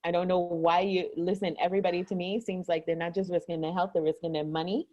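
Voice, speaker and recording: A woman's voice: on the low side, flat delivery, fast, a little mellow. Exasperated woman ranting casually, repeats herself for emphasis, kinda muffled lo-fi sound. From Guyana. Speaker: co-host of an online rant show. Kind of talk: comedic casual rant with a friend. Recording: dull lo-fi audio.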